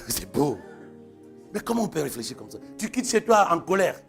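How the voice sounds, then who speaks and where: A male pastor preaching a sermon, animated and quick to act out the voices of the people he quotes. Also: on the high side, faint music behind.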